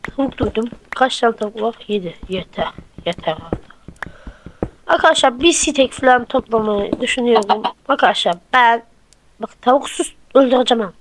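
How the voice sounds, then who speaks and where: A woman with a fairly high voice talks viewers through her building, counting blocks and correcting herself as she plays. Her running commentary is loose and chatty. There is a steady hiss under her voice, with clicks over it. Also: moderate pace, poor audio. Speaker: gameplay channel host. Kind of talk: casual let's-play commentary.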